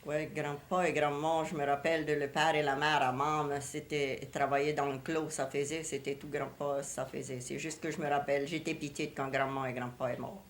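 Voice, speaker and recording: A woman's voice: low-pitched, flat delivery, moderate pace, hardly any pauses. An older woman from Louisiana with a Cajun French accent, chatting about family memories in plain, repetitive phrases. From Louisiana, USA. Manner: plain, repetitive phrasing with occasional English words. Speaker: interviewee recalling family life. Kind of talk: casual oral-history conversation.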